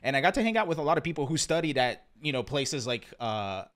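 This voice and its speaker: A former musician from Brazil who grew up in rural Pennsylvania chats as a podcast guest, relaxed and rambling, saying "like" constantly. His voice is medium-pitched and fast.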